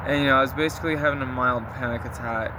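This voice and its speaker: A man's voice: mid-range voice, fairly even intonation, very fast, background noise. A young adult man chatting casually and confessionally to listeners, rambling with slang and mild swearing. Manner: rambling, slangy, mildly profane. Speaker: vlogger recording a spoken diary.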